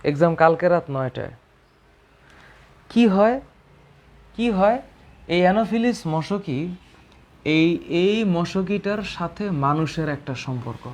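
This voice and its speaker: A man's voice: high voice, expressive, a little slow, pauses often, a little mellow. A man teaching a biology lesson, repeating key terms and answering his own questions.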